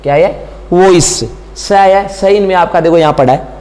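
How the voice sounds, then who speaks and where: A man's voice: high voice, fast, darkish tone, long reverb tail. A man teaching English grammar to students, often asking a question and then answering it himself. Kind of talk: classroom grammar lesson.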